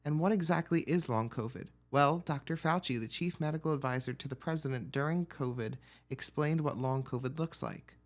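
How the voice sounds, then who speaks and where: A man's voice: a little high, fairly quick, hardly any pauses. A male news reporter reading a scripted report narration.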